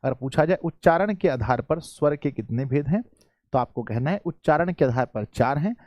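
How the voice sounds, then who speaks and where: A male Hindi grammar teacher with a Bihari accent, giving a live online class. He keeps asking his students questions, repeats key points, and often clears his throat. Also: fairly high pitch, expressive, normal speed, darkish tone, no echo, clean studio sound.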